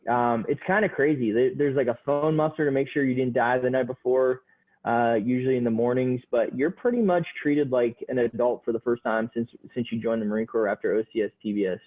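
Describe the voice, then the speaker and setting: A man's voice: medium pitch, a little fast. A man in his thirties chats easily about his service, loose and rambling, full of "like" and "um." His voice comes through a narrow, tinny line, as if from a phone call. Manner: laid-back, many fillers and "like". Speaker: Marine pilot guest. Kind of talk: casual podcast interview.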